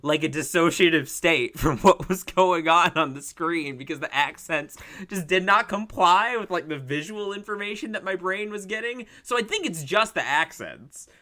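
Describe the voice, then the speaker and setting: Man, podcast co-host, casual movie chat, bright tone, lively pitch, profane, rambling. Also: normal speed, hardly any pauses.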